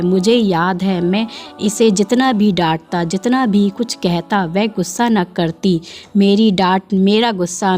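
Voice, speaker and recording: A woman narrating a scripted first-person story in a slow, measured way. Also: mid-range voice, darkish tone. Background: faint background music.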